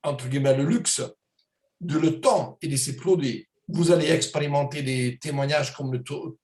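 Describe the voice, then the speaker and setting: A man with a fairly high voice speaks in a roomy, echoing space. He talks casually and encouragingly, offering warm reassurance and longer explanations. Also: normal speed. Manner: encouraging, short enthusiastic replies. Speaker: interviewer and product presenter. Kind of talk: casual conversation.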